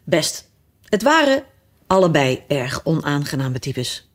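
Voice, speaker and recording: A woman's voice: low-pitched, sing-song, takes it slowly, exaggerated voice. A woman voicing an earnest, caring young girl who is easily indignant.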